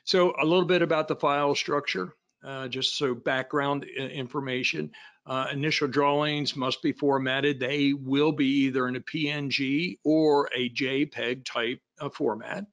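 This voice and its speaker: A man's voice: medium pitch, fairly even intonation, normal speed, fairly bright tone, lo-fi sound. A man giving a technical training walkthrough over slides, in a plain explanatory way with frequent fillers and restarts. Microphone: voice-over on screen recording.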